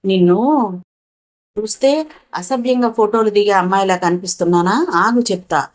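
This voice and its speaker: A woman voicing a worried, indignant young woman in a spoken story, anxious and sharp. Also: medium pitch, normal speed, lightly acted.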